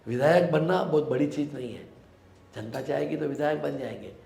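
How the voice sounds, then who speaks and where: Politician from Rajasthan, gravelly, emphatic and defensive, in a roomy echo with faint noise. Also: male voice, a little high, fairly quick, a crowd in the background. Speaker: local politician, interview guest. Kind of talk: sit-down interview answers.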